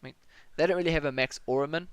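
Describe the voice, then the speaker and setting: A man's voice: a little high, very fast, smooth, no echo. A young man with a New Zealand accent tutoring maths on a live stream, thinking aloud and answering chat questions in a casual way.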